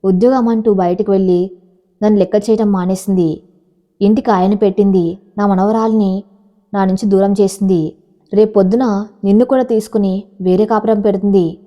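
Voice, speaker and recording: A woman's voice: medium pitch, steady tone, moderate pace, pauses often, close to an everyday voice. A woman voicing a scheming, harsh older mother-in-law who scolds and defends herself, on a dull lo-fi recording. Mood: defiant.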